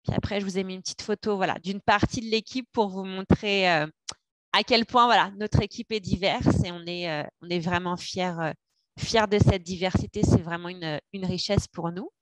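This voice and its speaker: A woman's voice: mid-range voice, fairly even intonation, moderate pace, no echo. A woman presenting slides on a webinar, hesitant with frequent fillers. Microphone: video call.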